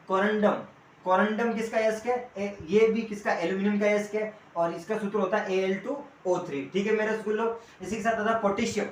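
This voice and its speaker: A man teaching an online coaching class in a chatty way, calling students by pet names and quizzing them as he goes. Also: high voice. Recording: echoey room with faint ambient noise.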